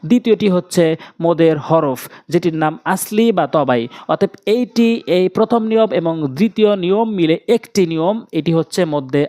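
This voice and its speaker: A man with a Bangladeshi Bengali accent teaching Quran recitation step by step, slowly repeating and drawing out syllables in drills. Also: sits high, animated, warm tone.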